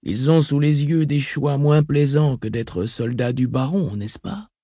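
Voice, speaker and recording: A man voicing a calm, calculating mentat advisor in an audiobook, soft-spoken and reasoned. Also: medium pitch, unhurried, slightly rough, no echo, clean studio sound, pitched above the performer's own voice. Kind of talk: audiobook reading.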